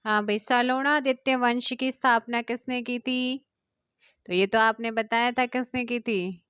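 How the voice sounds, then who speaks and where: A woman teacher with an Indian Hindi accent, running a quick quiz-style exam prep lesson, reading questions and answers and urging viewers to comment. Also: fairly high pitch, fairly even intonation, a bit bright, smooth, no echo, clean studio sound. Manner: brisk, quizzing viewers and urging them to comment.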